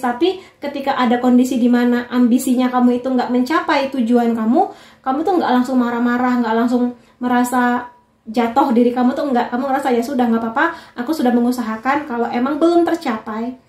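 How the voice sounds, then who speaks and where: High-voiced woman giving a chatty tarot reading. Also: darkish tone, reverberant. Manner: chatty and reassuring, addresses the viewer directly. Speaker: tarot reader. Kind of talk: casual tarot reading to viewers.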